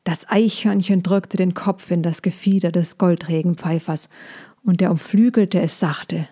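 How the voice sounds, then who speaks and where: A woman reading a children's story aloud in a calm, unhurried manner. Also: lowish voice, breathy edge.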